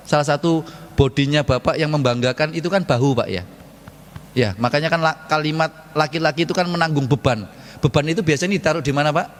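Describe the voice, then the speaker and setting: A man preaching at a mosque study session, playful and joking, asking the congregation questions and answering them himself. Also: medium pitch. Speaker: ustadz giving a mosque study talk. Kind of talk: lively sermon with jokes to the congregation. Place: large mosque hall. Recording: long hall reverb.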